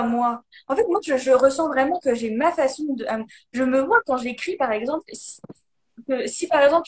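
A woman with a high voice explains her ideas eagerly in a relaxed chat. She stumbles over fillers and restarts as she works her points out. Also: slight background noise. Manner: animated, explaining with many fillers. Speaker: guest, coach. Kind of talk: casual conversation, live video.

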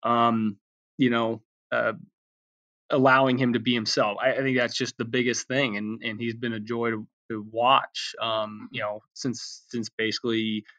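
A man, a pitching coach, explaining his approach in a casual interview, talking at length with frequent fillers and restarts. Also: flat delivery, moderate pace, fairly bright tone. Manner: talkative, many restarts and fillers.

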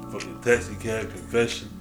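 A man in a casual podcast chat, laid-back with quick asides. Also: lowish voice. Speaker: podcast co-host. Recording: music playing behind.

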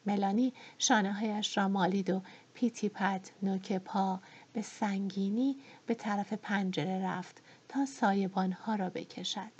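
A woman narrating an audiobook of a novel in a measured, expressive reading, in a dull lo-fi recording. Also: medium pitch, slightly rough.

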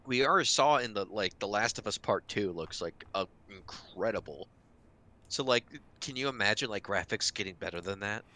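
A man's voice: on the low side, normal speed. A man co-hosting a gaming podcast, chatting casually and animatedly, filling his talk with "like" and restarts. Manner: animated, heavy use of "like", many restarts. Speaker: podcast co-host. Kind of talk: casual chat.

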